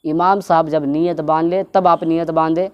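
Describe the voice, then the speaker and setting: Speaking in a low, smooth and steady voice, a religious teacher delivers an instructional talk, going over her points repeatedly and stretching out words to show their correct pronunciation. The recording is muffled.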